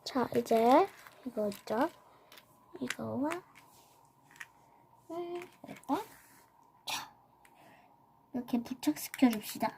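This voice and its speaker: Slow-talking high-voiced girl building toys. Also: expressive, vocal fry, background noise. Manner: slow step-by-step narration with cheerful "ta-da" calls. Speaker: channel host. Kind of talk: toy building narration.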